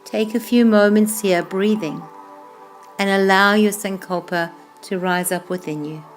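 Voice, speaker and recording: Leading a guided meditation, this yoga instructor speaks in a calm, soothing mid-range voice, letting slow phrases fade away gently. Music plays in the background.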